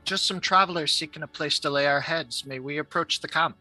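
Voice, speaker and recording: A man tabletop player speaks politely in character. His voice is fairly high and sharply bright, and it is recorded dry. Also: fairly quick, dry recording, faint music behind, rough recording. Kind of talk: in-character speech.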